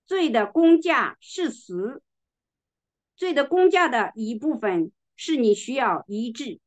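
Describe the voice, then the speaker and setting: Woman preacher, slow measured delivery, fairly high voice, deliberate stress on each word, sermon. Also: lively intonation. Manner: slow, deliberate, emphatic reading of scripture; occasionally clears throat.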